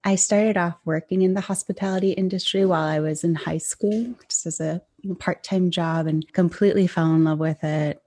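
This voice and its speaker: A woman who grew up in Japan speaks as a podcast guest. Her voice sits a little low and sounds soft and mellow. She tells her story in a thoughtful, unhurried way. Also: vocal fry, husky. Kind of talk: podcast interview.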